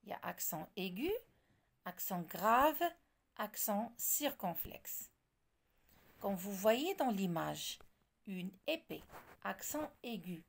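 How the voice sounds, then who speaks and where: Slow, lively-pitched woman teaching French. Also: creaky. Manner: slow, deliberate, spells out examples. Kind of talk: classroom lesson explanation.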